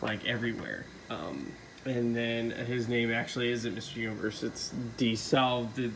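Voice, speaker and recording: A man's voice: mid-range voice, normal speed, vocal fry, background noise. A young man casually recapping a show episode in a rambling, profane way, full of ums and uhs.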